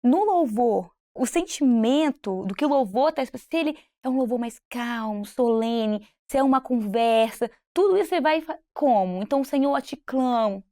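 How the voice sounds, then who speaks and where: A woman's voice: a little high, moderate pace, few pauses, dry recording, studio quality. A woman co-presenting on a church program, speaking expressively and acting out examples. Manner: expressive, enthusiastic, acts out examples. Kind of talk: casual panel chat.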